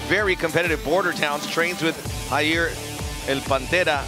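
A man with a slightly high voice calls a fight broadcast as play-by-play commentator, giving live commentary. Music runs clearly underneath him. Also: steady tone, normal speed.

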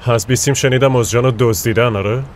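A man's voice: mid-range voice, slight background noise, lightly acted. A man voicing a police commissioner asking urgent questions about a kidnapping. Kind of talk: dubbed TV drama.

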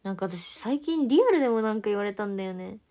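A young woman with a chats casually into a close phone mic, answering viewer comments. Her talk swings from quiet murmurs to bright, giggly exclamations. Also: medium pitch, animated, fast talker. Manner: chatty and giggly, drifting between soft murmurs and brighter exclamations. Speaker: idol livestreamer. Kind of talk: casual livestream chat, reading viewer comments.

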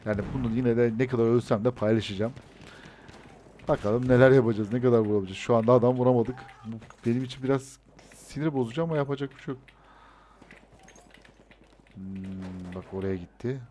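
A man's voice: medium pitch, a little fast, pauses often, warm tone, a little hiss or hum. Man muttering game commentary. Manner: muttering to himself, bursting into frustrated swearing outbursts. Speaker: gameplay streamer. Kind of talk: casual gameplay commentary. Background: gunfire from the game.

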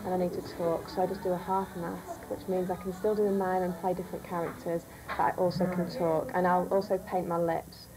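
Young woman, matter-of-fact explainer, low and even, music bed. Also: brisk, hardly any pauses, rough recording. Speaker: mime student teaching. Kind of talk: explaining to camera. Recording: music behind.

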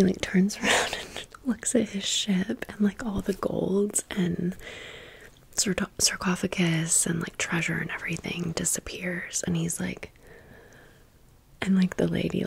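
A woman hosts an ASMR storytime video, rambling in a casual, conversational way with wry asides. Her voice is lowish, creaky, and slightly rough.

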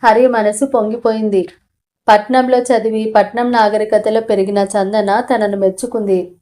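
A woman narrator reading a romantic novel aloud in a steady, even storytelling manner. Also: mid-range voice, moderate pace.

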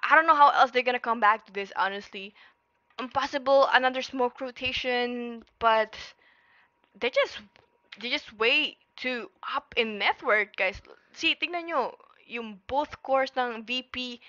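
A woman esports commentator with a Filipino accent mixes Tagalog into her English as she calls a match. Her voice is high and bright. The audio is close and dry, slightly dull like a stream. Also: no echo. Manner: switches between English and Tagalog. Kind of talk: live video game match commentary.

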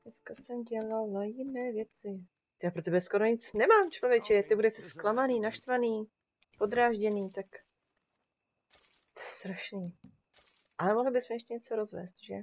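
A woman's voice: a little high, long pauses, dull audio. A woman streaming a game live, chatting casually with her viewers and talking to the animals on screen. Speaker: streamer and graphic designer.

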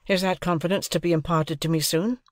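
Guy reading as young gentleman in an audiobook, polite n hesitant, highish voice, careful. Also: fairly even intonation, fairly quick, no room sound, studio quality, natural voice. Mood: polite, tentative. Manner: deferential, careful. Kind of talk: audiobook character dialogue.

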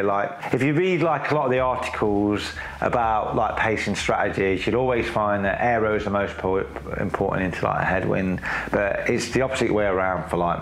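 Seated in a chair in a small, echoey room with a grey wall, a cycling coach in his forties explains technique to the camera in a loose, chatty way full of fillers and restarts. His voice sits on the low side and is fairly bright, with a little hiss or hum in the recording.

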